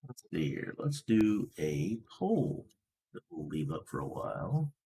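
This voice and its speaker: A man's voice: low voice, sing-song, measured pace, creaky, dark tone, slightly rough. A man casually hosting a live watch-along stream, thinking aloud and muttering to himself as he fiddles with the stream controls.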